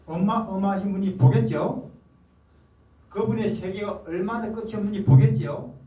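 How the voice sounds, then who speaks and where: A man's voice: sits high, mellow. An older man, a missionary, giving an earnest sermon in a hall and often answering his own questions. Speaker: missionary preacher. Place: forum hall. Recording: roomy hall, mic at a distance, faint noise.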